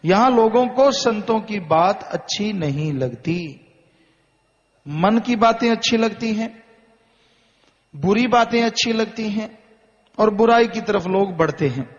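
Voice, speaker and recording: A man preaching a sermon, urging his listeners with slow, repetitive exhortation. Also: sits high, expressive. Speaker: spiritual preacher. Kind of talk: Hindi sermon. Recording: muffled hall recording with long reverb.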